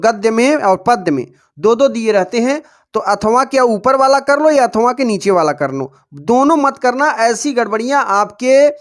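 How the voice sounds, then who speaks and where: High-voiced male teacher explaining exam answers. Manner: addresses students as dear children, repeats prompts to pay attention; recites verse slowly and deliberately. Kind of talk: exam-prep lesson for students.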